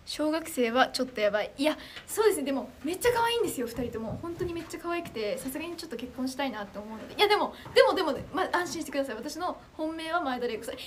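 Bubbly high-voiced teenage girl streamer. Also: slight background noise. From Chiba, Japan. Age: teens. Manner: bubbly, quick, animated and self-deprecating. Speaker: idol trainee streamer. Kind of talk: casual livestream chat reading comments.

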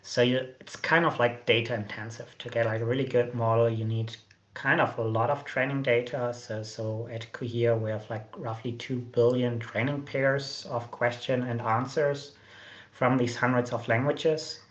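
A man on a headset video call explains machine learning as a panelist from an AI company in a technical panel discussion. He speaks at a normal speed with a medium pitch, steady and fairly bright tone, leaning on many "like" fillers and quoting example phrases. The video-call audio sounds dull and roomy.

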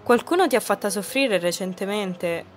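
A woman voicing a calm mystical seer in a fan dub of a dating game, speaking in a solemn, soothing way. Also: medium pitch, moderate pace, soft background music, natural voice.

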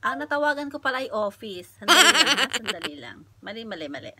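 A woman's voice: on the high side, very animated, fast, a crowd in the background. A woman from the Philippines vlogging at home, chatting casually with viewers and giggling often between lines. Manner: chatty, addresses viewers directly. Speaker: vlogger making prank calls. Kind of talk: casual chat. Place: home flat.

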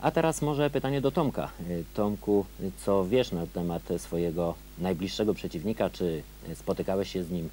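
A man's voice: low-pitched, normal speed, hardly any pauses, dark tone, a little hiss or hum. A man working as a TV sports reporter, asking long, leading questions in a local interview.

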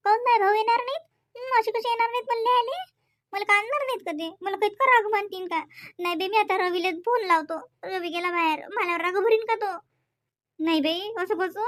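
A woman's voice: very high voice, voice pushed up. A woman voicing an upset, indignant woman with a Varhadi Marathi accent, who protests in a whiny way. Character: upset, indignant grown woman who demands her brother visit.

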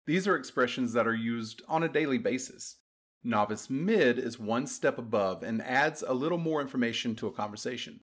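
A man narrating a recorded language lesson in a patient, step-by-step way. His voice sits at an ordinary middle pitch for a man. He reads scripted instructions clearly, like a classroom teacher. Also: animated, moderate pace.

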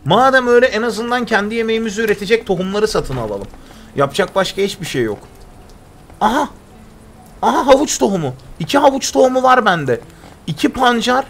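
A young gaming streamer with a high, lively voice talks a little fast in a fairly bright tone, with slight background noise. Commentating live over a survival game, he chats to himself, reads chat aloud and thanks his viewers.

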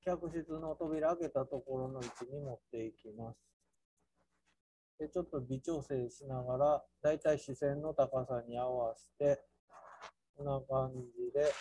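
A man with a Kansai accent teaching an architecture class through a software task, playful, with sound words and mock squeals. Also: mid-range voice, normal speed, slight background noise. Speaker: architecture instructor.

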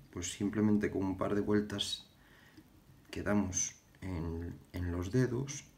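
A young man from Galicia hosting a casual fly-tying tutorial, talking haltingly and repeating words as he works with his hands at an indoor bench. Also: low voice, vocal fry, a little mellow, a little hiss or hum. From Galicia, Spain. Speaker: fly-tying channel host.

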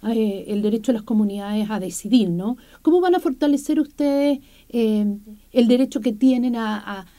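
Mellow-voiced woman radio interviewer. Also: fairly high pitch, lively intonation. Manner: measured, formal questioning. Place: small radio studio. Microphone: studio table mic.

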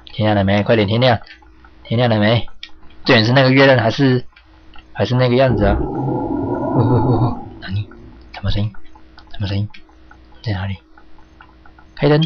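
A man's voice: lowish voice, steady tone, moderate pace, pauses often. A young man streaming a horror game, jumping, yelping and cursing at the game as he plays. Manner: jumpy, yelps and curses at the game. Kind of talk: horror game let's play commentary. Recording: slightly dull lo-fi home mic with faint hiss.

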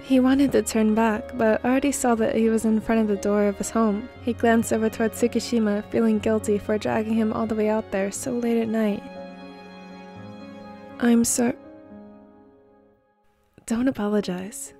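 Woman reading fan fiction, flat and mellow. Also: a little high, brisk, few pauses, soft background music. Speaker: narrator.

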